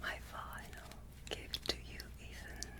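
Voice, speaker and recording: A woman playing a haughty, menacing, ageless vampire lady of a castle in a whispered ASMR roleplay, with deliberate, imperious delivery. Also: bright, forceful tone. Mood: menacing, condescending.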